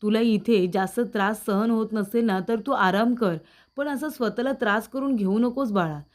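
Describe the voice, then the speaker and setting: A woman's voice: fairly high pitch, moderate pace, natural voice. A woman voicing a worried, loving older mother who coaxes and frets over her son. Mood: worried, doting. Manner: coaxing, fretful.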